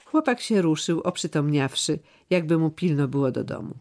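A man narrating a classic novel in a measured, even storytelling manner. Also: fairly high pitch. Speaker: audiobook narrator.

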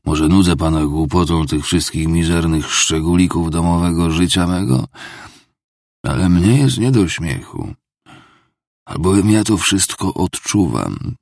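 A man voicing a drunken, self-pitying older ex-clerk in an audiobook, rambling and pleading in a theatrical confession, gravelly and husky. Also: low-pitched, animated, unhurried, a little mellow, dry recording, studio quality, heavily acted. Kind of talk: audiobook character reading.

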